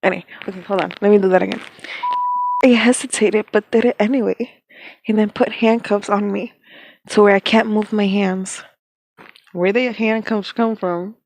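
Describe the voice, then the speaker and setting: Giggly young woman reading aloud, gravelly. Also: medium pitch, fairly even intonation, moderate pace, a little mellow, poor audio. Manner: giggly, flustered, stumbles and rereads lines. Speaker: fanfic reader.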